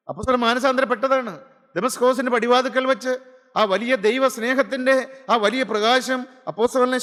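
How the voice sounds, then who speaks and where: Male preacher with a high, bright voice, fervent sermon full of rhetorical questions, long hall reverb. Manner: impassioned, piling up rhetorical questions and repeated phrases. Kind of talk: gospel sermon.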